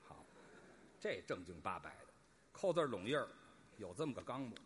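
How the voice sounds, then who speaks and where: Indignant straight man, very animated. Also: fairly low pitch, a little hiss or hum. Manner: quick indignant retorts. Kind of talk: crosstalk stage comedy.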